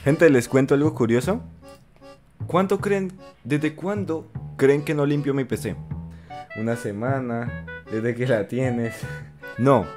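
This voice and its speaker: Soft background music plays as a young man with a Colombian accent reacts casually to a video for his viewers, joking and chatting. His medium-pitched, darkish voice is slow with long pauses, captured close on an arm-mounted studio mic in his bedroom streaming setup.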